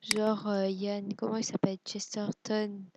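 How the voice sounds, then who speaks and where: A woman's voice: mid-range voice, completely flat delivery, a little slow, background noise. A woman giving casual gameplay commentary, hesitant and self-deprecating, musing aloud with lots of fillers. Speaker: let's play gamer.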